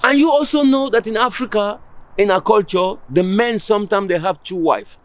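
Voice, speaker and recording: A man from Cameroon, telling a village folk tale in a lively, repetitive oral storytelling style. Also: sits high, moderate pace. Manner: animated, repeating phrases, explaining drums. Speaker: storyteller and musician.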